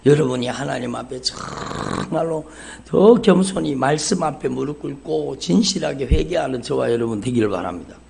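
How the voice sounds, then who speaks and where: A man's voice: mid-range voice, lively intonation, normal speed, vocal fry, a little mellow, a little hiss or hum. A male pastor preaching a sermon in a church, fervent and repetitive, calling out to the congregation again and again. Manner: fervent preaching, repeats "여러분" and "정말로". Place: church sanctuary. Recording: live church service stream.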